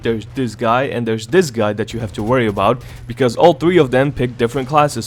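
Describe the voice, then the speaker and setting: A man's voice: medium pitch, slight background noise. A man giving casual, rambling gameplay commentary in a groggy morning voice, repeating words and swearing now and then. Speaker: gaming YouTuber.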